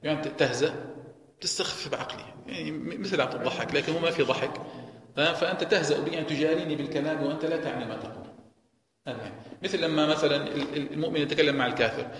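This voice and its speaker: Guy teaching a religious class, asks himself questions then answers, kinda high voice, big echoey mosque. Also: racing, a bit bright, slight background noise. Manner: explains by posing and answering rhetorical questions. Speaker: Quran teacher. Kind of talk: religious lesson. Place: mosque hall. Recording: echoey reverberant mosque hall.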